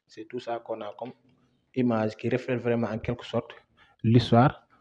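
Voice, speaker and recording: Heard through dull lo-fi audio, a young Senegalese history student guides a museum tour at normal speed. His voice is medium-pitched, a little mellow, and flat, and he hesitates often, leaning on fillers and repeating words.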